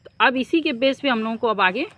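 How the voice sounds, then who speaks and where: A woman teaching an English workbook lesson in Hindi, explaining slowly and asking the class to repeat words back. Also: a little high, animated, a bit bright, no room sound.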